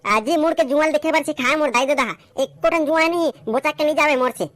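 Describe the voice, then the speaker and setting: A naive young city wife in a comic skit, played by a woman, polite and a little wounded. Her voice is high, with a soft, pleading tone. She keeps defending herself in a gentle, innocent way. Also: quick pace.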